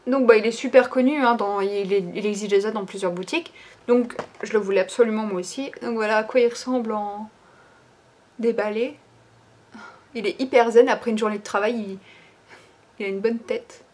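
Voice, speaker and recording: Here a woman with a fairly high, darkish voice presents her online shop's new pieces at a normal speed and steady tone. She's chatty and relaxed, with many hesitations and fillers like "ben" and "euh."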